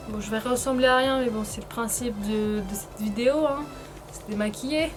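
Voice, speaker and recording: A woman giving a casual, chatty beauty tutorial, hesitant and informal, her speech slightly impeded by painful braces. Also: high-pitched. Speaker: beauty vlogger presenting a tutorial.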